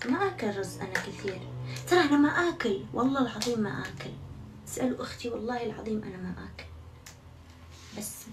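Young woman vlogger, casual and joking, slight room hiss, mic a bit distant. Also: a little high. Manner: chatty and self-mocking, swears oaths often. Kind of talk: casual vlog chat to viewers. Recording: somewhat far from mic, faint background noise.

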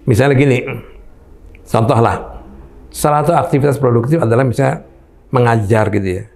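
An older man explaining talent mapping in a relaxed talk show conversation, giving examples from his grandchildren. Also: medium pitch, brisk, creaky.

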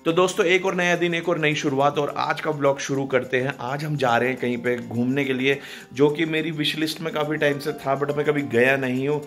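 A man's voice: fairly high pitch, fairly even intonation, fairly quick, fairly bright tone, faint music behind. A man in his thirties talking casually to a phone camera held at arm's length, teasing and hurrying his family along at home. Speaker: vlogger. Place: home bedroom, later in a car.

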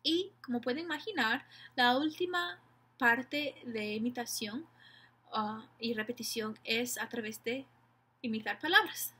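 A woman's voice: on the high side, unhurried, bright, forceful tone, slightly rough. A woman giving parents an informal lesson, explaining patiently step by step. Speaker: educator giving tips to parents.

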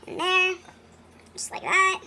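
A woman's voice: extremely high pitch, animated, slow pace, sharp tone, slight background noise. Rambling woman in a kitchen video. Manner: chatty, rambling, self-correcting as she goes. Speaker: home cooking vlogger. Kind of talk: casual unscripted cooking demo. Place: home kitchen, indoors. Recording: clear kitchen clatter of dishes and pans.

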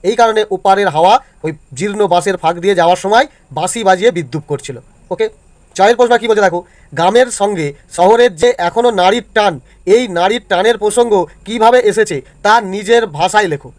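A male teacher with a high voice talks fast as he walks students through exam answers step by step. Throughout the lesson he keeps checking that they are following along.

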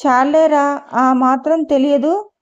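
A woman reading the lines of a kind, dignified older mother in an audio story, speaking gently and affectionately. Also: sits high, steady tone, slow, dull audio. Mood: warm, tender. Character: kind, dignified older mother welcoming her son's bride. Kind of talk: audiobook character dialogue.

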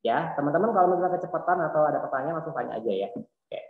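A man with an Indonesian accent teaching a Mandarin class online, explaining patiently and repeating words slowly. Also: fairly high pitch, lively intonation, gravelly. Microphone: video call. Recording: echoey tinny online call audio.

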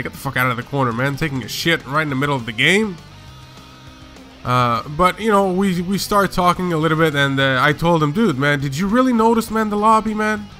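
A young man commentating his own shooter gameplay, excitable and slangy, swearing and trash-talking. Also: high voice. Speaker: gaming YouTuber.

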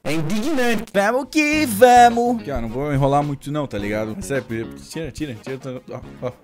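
A man's voice: fairly high pitch, lively intonation, brisk, over music. A man, a comedy youtuber rambling crudely through a meme reaction with laughing asides.

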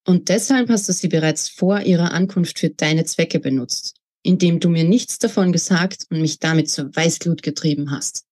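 A woman's voice: sits low, normal speed, hardly any pauses, darkish tone. A woman voicing a spiteful, scornful young woman in a read-aloud novel, talking in a mocking, sneering way.

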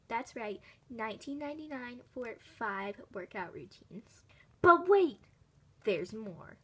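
A woman playing an earnest fitness host in a parody infomercial, giving a salesy pitch with rhetorical questions and deliberate emphasis. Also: fairly bright tone, breathy edge, exaggerated voice. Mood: salesy, persuasive. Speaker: infomercial presenter.

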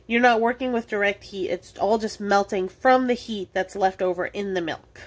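A woman with a medium-pitched voice talks at a moderate pace as host of a library cooking show. Working with her hands at a kitchen counter, she casually explains each step of an informal tutorial.

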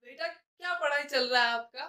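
Prying middle-aged uncle next door , put on by a woman, stern father, disapproving questions, fairly high voice, echoey room. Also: moderate pace, pushed and bright.

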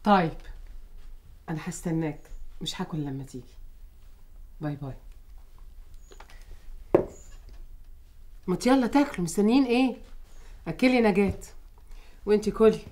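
A woman's voice: medium pitch, expressive, a little fast, pauses often, mellow, a little hiss or hum, natural voice. An actress playing a caring but firm middle-aged Egyptian mother in a TV drama set at home. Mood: resigned. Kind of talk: naturalistic TV drama acting. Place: family home, indoors.

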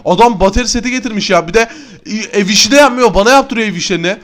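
Gaming YouTuber, male, high voice, excitable running commentary to viewers. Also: racing. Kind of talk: Minecraft gameplay commentary.

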